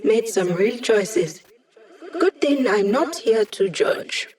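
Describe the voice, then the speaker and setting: Wry young hacker girl from a video game, upbeat digital sidekick, chatty and techy, medium pitch. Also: big pitch swings, takes it slowly, darkish tone. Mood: dry, teasing.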